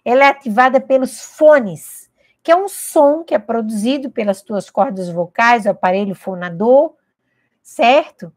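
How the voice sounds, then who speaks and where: A woman's voice: on the high side, measured pace, no echo. A Brazilian woman educator explaining to parents and teachers in an emphatic way, posing rhetorical questions and then answering them herself. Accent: Brazilian Portuguese.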